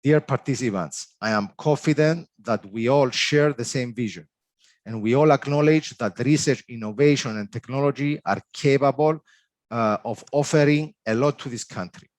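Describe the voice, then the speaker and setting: A man's voice: medium pitch, moderate pace, a little mellow, no echo. Man giving formal remarks, dry sound. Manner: formal, stumbling when speaking off script. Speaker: official giving opening remarks. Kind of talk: formal speech.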